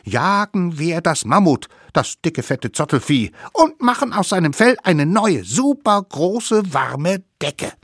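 Brief: man voicing small wild Stone Age children, high and excitable, teeth chattering in the cold. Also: slow pace, few pauses, breathy edge, dry recording, studio quality, exaggerated voice. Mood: excited.

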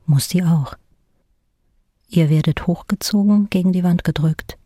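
A woman's voice: on the low side, unhurried, mellow. A woman narrating a drama in a scripted, intense way, often addressing the listener directly and asking rhetorical questions. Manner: intense, second-person, rhetorical.

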